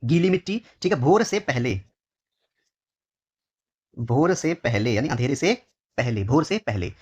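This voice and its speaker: In this exam-question walkthrough, a male Hindi teacher from India speaks at medium pitch with a darkish, husky, animated delivery. He goes over each phrase slowly and repeatedly, calls the class "dear children," and lets his voice fall whenever he reaches an answer word.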